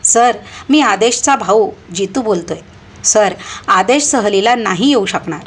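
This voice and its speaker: A woman voices a grieving young man in a storybook tale, speaking hesitantly and apologetically. Her voice stays husky and breathy. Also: mid-range voice, expressive, measured pace. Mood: somber.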